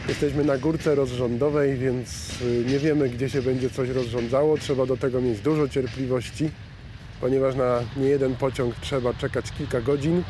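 Man, amateur photographer, mid-pitched, plain-spoken and reflective, clear urban background noise. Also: steady tone, moderate pace. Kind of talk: personal documentary talk.

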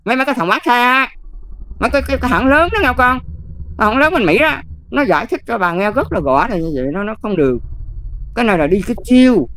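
An older Buddhist nun with a Southern Vietnamese accent, talking casually and emphatically, often checking whether the listener follows. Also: female voice, fairly high pitch, animated, quick pace, fairly bright tone. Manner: emphatic, keeps checking "see?". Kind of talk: casual advice talk.

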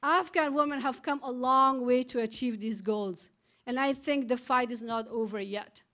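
A woman's voice: a little high, moderate pace, fairly bright tone. A middle-aged woman reading an earnest prepared speech at a podium microphone in a large conference hall. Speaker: conference speaker.

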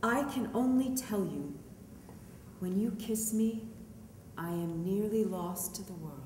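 Woman performing as devoted wry female painter, dramatic theatrical letter reading, deliberate pauses, echoing gallery, audible room noise. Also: medium pitch, expressive, darkish tone. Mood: tender, intimate. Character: Georgia O'Keeffe, devoted, wry painter writing love letters. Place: indoor art gallery. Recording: echoey hall reverb, noticeable room noise.

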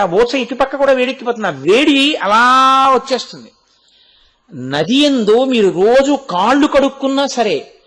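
A man speaks in a strikingly high voice as he gives a devotional discourse. He teaches through homely examples and rhetorical questions put to his listeners. He also recites Sanskrit verses in a chanting cadence. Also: a bit bright. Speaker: spiritual speaker.

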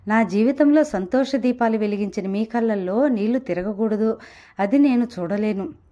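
A woman voicing a gentle, apologetic married man who talks in a soft, coaxing, pleading way, in a story reading. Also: on the high side, normal speed, lo-fi sound, natural voice. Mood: tender.

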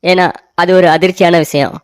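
A woman's voice: on the low side, fairly even intonation, brisk, slight background noise, lightly acted. A woman voicing an emotional, naive young man in a cartoon story, talking in a whiny, pleading way.

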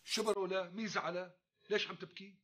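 An actor playing an animated uncle, keen on old films. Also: male voice, high-pitched, quick pace. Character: lively middle-aged uncle, fond of old films.

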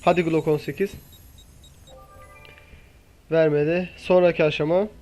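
A young man with a high voice talks through his gameplay in casual commentary. He keeps impatiently pleading and coaxing the game. Faint music plays behind him. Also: little pitch movement, measured pace, darkish tone. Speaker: gaming YouTuber.

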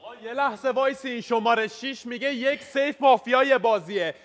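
A man's voice: very high-pitched, a bit bright, long reverb tail. A man, a game show contestant, laying out his suspicions and accusing players. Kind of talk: heated argument at a game table.

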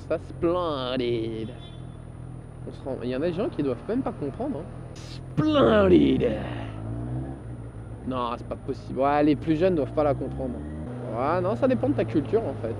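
A man's voice: a little high, big pitch swings, a little fast. A man vlogging from his motorbike in city traffic, giving jokey, self-mocking riding commentary. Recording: lo-fi with loud road noise.

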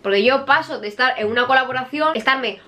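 A woman's voice: sits high, a little fast, bright, forceful tone, soft background music. A young woman from Spain with a Spain Spanish accent, chatting bluntly as she answers viewer questions in a casual vlog and swearing freely.

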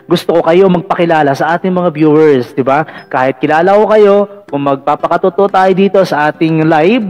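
A man hosting a casual live call-in vlog, chatty and teasing, filling pauses with "ayan". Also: fairly high pitch, darkish tone, lo-fi sound. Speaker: vlog radio-style host taking callers.

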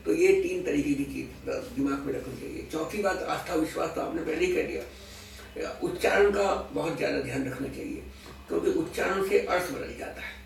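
Interviewed as an astrology scholar, a man explains things patiently using everyday examples and mixes English phrases into his speech. His voice is slightly high and creaky at a moderate pace, recorded far from the mic in an echoey room with faint noise.

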